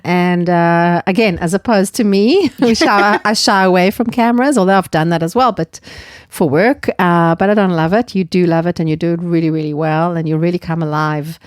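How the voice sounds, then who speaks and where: A woman's voice: fairly low pitch, steady tone, smooth, no echo, studio quality. A woman hosting a podcast, chatty and laughing easily, who races through her wrap-up. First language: Hebrew. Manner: chatty, laughs often, rapid in the outro. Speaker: podcast host. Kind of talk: casual chat, then a quick spoken outro.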